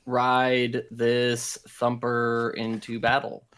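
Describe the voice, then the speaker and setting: A man's voice: medium pitch, completely flat delivery, drawn-out words, fairly bright tone, smooth. Hesitant man thinking aloud mid-game. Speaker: tabletop game player. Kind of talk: casual, halting table talk during a game.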